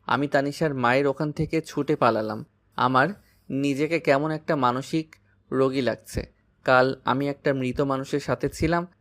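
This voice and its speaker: A man narrating a dramatic first-person audio story, anxious and despairing. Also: medium pitch.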